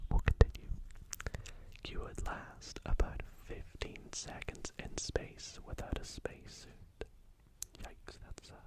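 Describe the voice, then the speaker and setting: A woman whispering facts slowly for ASMR, breaking off into chatty asides about what she reads. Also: rough recording. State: sleepy, yawning. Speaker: ASMR creator. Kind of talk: whispered ASMR fact reading.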